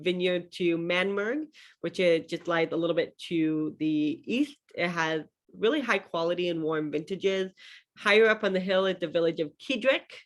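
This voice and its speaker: Chatty woman teaching a wine class. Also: fairly low pitch. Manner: casual, frequent fillers and restarts. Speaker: wine educator. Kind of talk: online wine class lecture.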